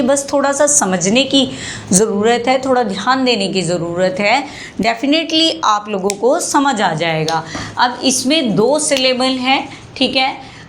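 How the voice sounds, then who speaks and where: A woman teaching English spelling rules in a slow, patient lesson, repeating words and asking rhetorical questions. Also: a little high, slight background noise.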